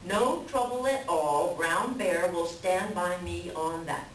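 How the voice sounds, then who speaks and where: A woman's voice: on the low side, takes it slowly. A woman playing a crafty, scolding, teasing raven with pointed, theatrical delivery in a readers theater animal tale. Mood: wary bargaining. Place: library readers theater performance. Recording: roomy, distant mic, faint background hiss.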